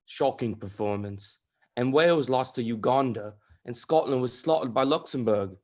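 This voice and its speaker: A blunt young sports fan, read by a man in a storybook group reading. He speaks in short, gloomy remarks at a mid-range pitch. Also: normal speed, lightly acted.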